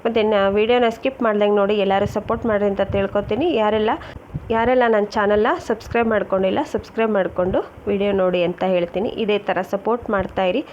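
A woman's voice: medium pitch, fairly even intonation, rapid-fire, darkish tone. A woman chatting through a home cooking demonstration and calling her viewers friends as she works. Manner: chatty, keeps calling viewers friends and urging them to look. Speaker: cooking channel host. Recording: dull lo-fi sound with faint noise.

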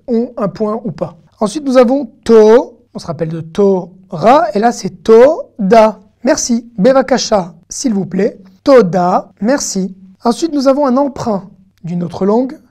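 Woman, language teacher, warm mellow voice, slow careful repetition of words, patient explanations. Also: mid-range voice. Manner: repeats each word slowly and clearly, then explains. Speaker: Hebrew teacher. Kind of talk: online language lesson.

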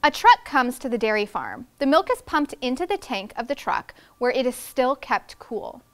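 Indoors in her classroom, a woman in her thirties who teaches first grade gives a read-aloud lesson to young kids. She speaks at a normal speed in a high voice with big swings in pitch, taking care to pronounce the big words clearly.

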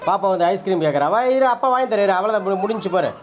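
A man with a Tamil Nadu accent chatting quickly in a family vlog at a salon, coaxing his small child. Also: high voice, animated, muffled recording, some chatter behind, a little hiss or hum. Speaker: family vlogger, father. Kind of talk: casual family vlog chat. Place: tattoo and beauty salon, indoors.

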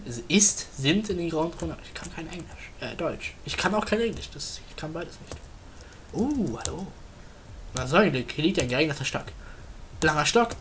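A man with a bright, clear voice talks about a game in a relaxed, playful way. His pitch jumps around a lot, and he hums little tunes now and then. Faint keyboard typing can be heard in the background, and the microphone is on his desk. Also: a little hiss or hum. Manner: playful, chatty, hums and sings along. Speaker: Let's Play host. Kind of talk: casual gameplay commentary.

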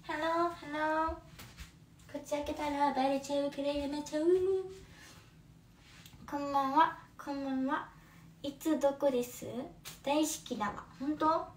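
A woman of twenty with a Kumamoto accent chats with viewers on a livestream, warm and casual, using many fillers. Her voice sits high, and the sound comes from a phone some distance away. The room around her is echoey, with faint background noise. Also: level tone, moderate pace, pauses often. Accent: Kumamoto dialect. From Kumamoto, Japan. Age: 20s. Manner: chatty, friendly, with many fillers. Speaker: livestream host. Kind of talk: casual livestream chat reading comments.

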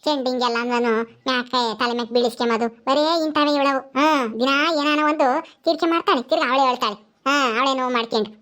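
A woman's voice: sits high, fast talker, fairly bright tone. An older woman, talking casually in a home vlog, soothing and scolding a crying grandchild. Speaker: grandmother comforting a child.

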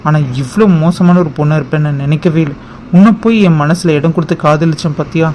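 A man's voice: fairly high pitch, fast, darkish tone, a little hiss or hum, close to an everyday voice. A man voicing an angry, betrayed young man who scolds and reproaches in a cartoon drama. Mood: reproachful.

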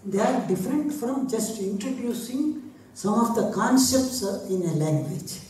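An older man with a Kannada accent speaks haltingly on a panel into a handheld microphone in an echoey seminar room. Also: high voice, lively intonation, a little mellow. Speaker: scholar on a translation panel. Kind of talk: panel talk. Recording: echoey room, slightly distant pickup.

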